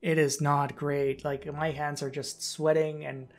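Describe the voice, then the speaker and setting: A person from the Netherlands giving casual, low-key let's play commentary in a quiet but clear, grumbling way. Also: flat delivery, a little slow. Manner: sweary, grumbling. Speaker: gaming commentator. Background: game music.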